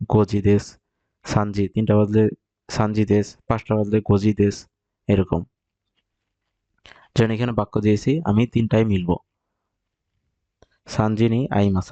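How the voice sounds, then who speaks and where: Low, mellow-voiced man teaching slowly. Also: no room sound, highs cut off. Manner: explains step by step, repeats example phrases slowly. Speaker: Japanese language teacher. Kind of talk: recorded vocabulary lesson.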